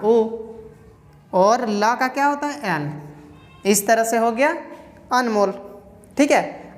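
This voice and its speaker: Woman teacher, somewhat high-pitched, patient step-by-step explainer; recorded with a long room echo. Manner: explains step by step, asks and answers own questions; checks in with repeated "okay". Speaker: English teacher. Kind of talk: spelling lesson.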